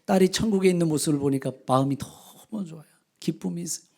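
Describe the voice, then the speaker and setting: A middle-aged man preaching as a pastor, retelling a story in a dramatic, expressive way. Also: on the high side, fast talker, vocal fry. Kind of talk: sermon storytelling.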